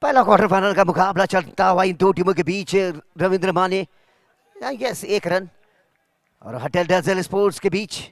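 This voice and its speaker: A man's voice: high-pitched, a little fast, few pauses, dry recording, studio quality. A man giving live commentary on a cricket match between plays.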